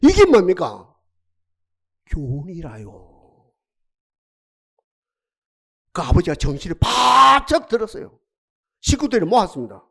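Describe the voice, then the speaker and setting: A male pastor delivering a dramatic sermon full of rhetorical questions, swinging from loud to hushed. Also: high voice, huge pitch swings, takes it slowly, vocal fry, pauses often, breathy edge. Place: church sanctuary.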